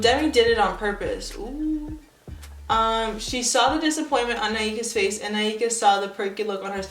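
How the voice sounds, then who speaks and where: On the high side, a young adult woman's voice, aged nineteen, reads her old writing aloud in reverberant, poor-quality audio. Self-deprecating, sarcastic remarks break up the passages.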